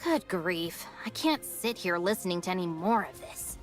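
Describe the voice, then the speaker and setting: A woman voicing a dutiful game officer who speaks brisk and matter-of-fact. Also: fairly low pitch, expressive, soft background music, close to an everyday voice. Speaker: game character. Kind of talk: game voice acting.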